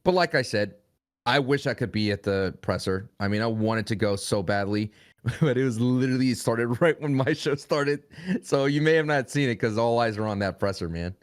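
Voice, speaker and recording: A man's voice: medium pitch, moderate pace. A young man talking as a podcast guest in a rambling, casual way. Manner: rambling, frequent restarts and fillers.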